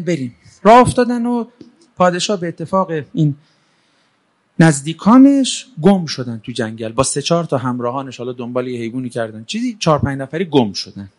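A man's voice: fairly high pitch, darkish tone. A man casually retelling a folk tale in a conversational way, with everyday fillers and quotes from the characters. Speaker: storyteller. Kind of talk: casual oral storytelling.

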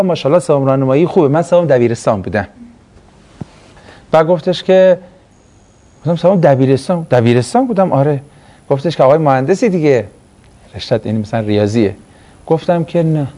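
A middle-aged man teaching a class, telling a story with lively delivery and acting out the voices of the people in it. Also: fairly high pitch. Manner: animated storytelling, acts out quoted voices, laughs. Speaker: teacher of Islamic studies class. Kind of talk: classroom lecture with anecdotes.

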